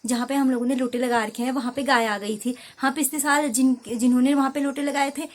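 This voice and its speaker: A woman's voice: high voice, fairly even intonation, brisk. A young woman from Uttarakhand with a Kumaoni accent, chatting casually and rambling in a village vlog, correcting herself as she goes. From Uttarakhand, India. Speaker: vlogger. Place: outdoors at a village home.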